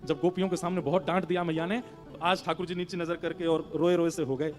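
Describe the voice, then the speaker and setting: A man tells a devotional story in an animated way, chanting verses now and then. His voice is high, and a faint instrument plays behind him. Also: a little fast, soft background music.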